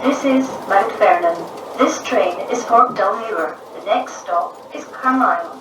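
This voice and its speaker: Woman, train intercom announcement, even formal delivery, echoey, distant, loud train noise. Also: mid-range voice, measured pace. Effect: played over the train's intercom. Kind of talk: recorded station announcements. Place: inside a moving train carriage. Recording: echoey onboard speaker heard from a distance.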